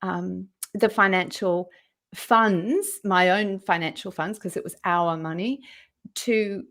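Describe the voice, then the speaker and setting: A woman in her forties, a guest recounting her career story in a conversational interview over a video call, jumping up high in pitch whenever she quotes someone. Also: slow. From Australia. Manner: animated, raises her voice high when quoting people.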